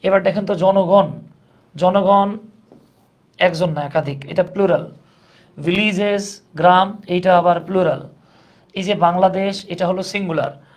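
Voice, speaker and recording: A man's voice: high-pitched, fairly even intonation, unhurried, long pauses. Chatty male English grammar teacher. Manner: conversational, asks the class questions, jokes. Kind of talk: grammar lesson.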